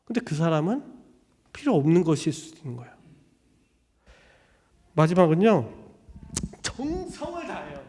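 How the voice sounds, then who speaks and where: A man gives a Sunday sermon as pastor, talking casually with plenty of fillers. He acts out quick exchanges with lively energy in a high voice. His words ring out with a long reverb in a church sanctuary. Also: breathy edge. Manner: animated storytelling, acting out little dialogues; casual conversational preaching with many fillers.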